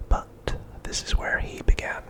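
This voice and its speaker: In a breathy, unvoiced whisper, an ASMR host offers unscripted show-and-tell commentary, hushed and unhurried.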